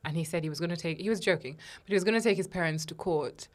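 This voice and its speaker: A woman co-hosting a podcast, chatting in a measured, thoughtful and agreeable way. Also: on the low side. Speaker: podcast co-host. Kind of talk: casual chat.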